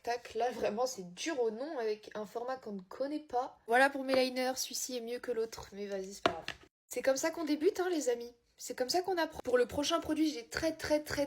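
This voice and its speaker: Husky young woman chatting through makeup. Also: a little high. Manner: chatty and slangy, swears casually. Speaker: beauty vlogger. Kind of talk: casual chat while doing makeup.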